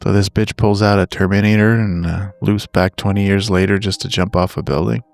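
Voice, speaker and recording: A man chats bluntly at a tabletop game. His voice is fairly low with plenty of fry, over soft music. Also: fairly even intonation, brisk, dry recording. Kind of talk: casual game chat.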